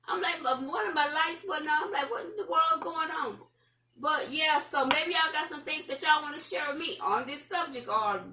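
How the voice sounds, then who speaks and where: Middle-aged woman, Southern American accent, higher-pitched, folksy conversational host, rambling advice, distant mic in a room. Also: bright, forceful tone. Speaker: host of an online talk show. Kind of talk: casual advice chat to viewers. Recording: roomy, distant mic, faint noise.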